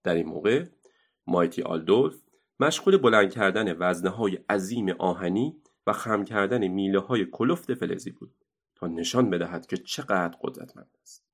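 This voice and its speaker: Man, storybook narrator, lowish voice, steady measured reading. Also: slightly rough.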